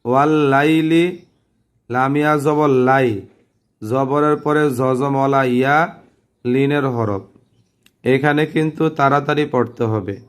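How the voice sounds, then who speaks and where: Slow, patient male tajweed teacher. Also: medium pitch, fairly even intonation, clean tone. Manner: patient, spells out letters and vowel marks step by step; asks the class to repeat after him. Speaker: Quran recitation teacher. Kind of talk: tajweed lesson with slow drawn-out recitation.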